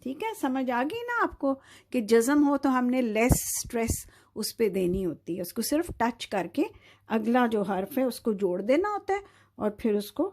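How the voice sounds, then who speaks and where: A woman's voice: fairly high pitch, big pitch swings, darkish tone. A woman from Pakistan teaching children an Urdu phonics lesson, sounding out words patiently and often checking "okay?" between them. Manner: slow, patient, drawn-out syllables with repeated checks of "theek hai".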